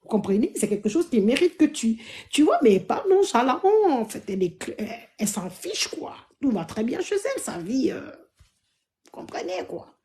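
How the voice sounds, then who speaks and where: A woman from Africa talks straight to her viewers on a live stream. Her voice sits somewhat high yet sounds warm and mellow. She stresses her points loudly and pleads with her audience. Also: sing-song, normal speed. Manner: emphatic, loud, pleading.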